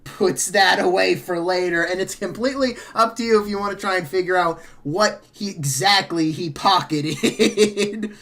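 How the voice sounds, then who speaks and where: A man's voice: high-pitched, normal speed, fairly bright tone. A man running a tabletop game as game master, casual and rambling, laughing often and correcting himself mid-sentence.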